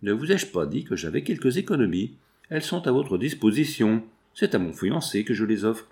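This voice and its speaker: Man reading a young seamstress, earnest and pleading, lowish voice, lively pitch. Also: a little fast. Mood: tender, pleading. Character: young woman seamstress, patient and loving.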